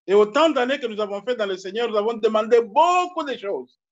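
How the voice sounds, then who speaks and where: A man from Congo, a pastor preaching a sermon slowly and deliberately, repeating his key phrases. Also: sits high, lively intonation, lo-fi sound.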